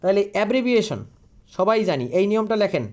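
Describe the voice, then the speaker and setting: A man's voice: high voice, lively intonation, fast. Male tutor. He drills grammar rules by quizzing himself aloud. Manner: asks questions and answers them himself, repeating key words. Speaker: English grammar teacher. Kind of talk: online grammar lesson.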